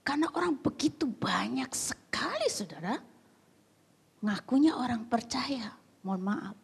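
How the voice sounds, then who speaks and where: A woman pastor preaching a sermon, telling stories dramatically with lively swings and whispered asides. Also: a little high, a little slow, gravelly, breathy edge.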